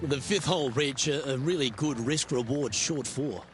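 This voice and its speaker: A man voicing a golf commentator, calling play-by-play in a measured, encouraging way. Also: mid-range voice, natural voice. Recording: music and crowd noise behind. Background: music, crowd.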